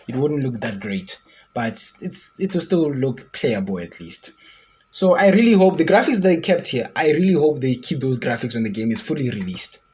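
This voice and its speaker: A man's medium-pitched, slightly rough and somewhat mellow voice carries his rambling reaction to a video game trailer. As a gaming YouTuber, he keeps it chatty and speculative.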